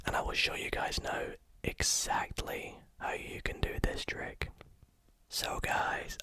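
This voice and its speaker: A magician giving a whispered ASMR tutorial, gently explaining things step by step. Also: dry recording. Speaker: magician teaching a card trick.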